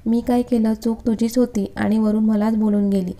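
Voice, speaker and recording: A woman reading the lines of a gentle but stubborn young wife in a storybook love story, soft and earnest. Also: fairly high pitch, flat delivery, moderate pace, close to an everyday voice.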